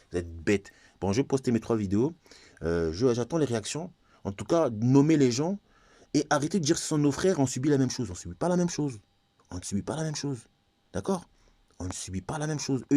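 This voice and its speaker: Man, insistent and repetitive ranting vlogger, low warm tone, dead-dry room. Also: no room sound. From Congo. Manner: heated, insistent, repeats phrases, often talks straight to viewers. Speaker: YouTuber. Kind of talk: ranting monologue to camera.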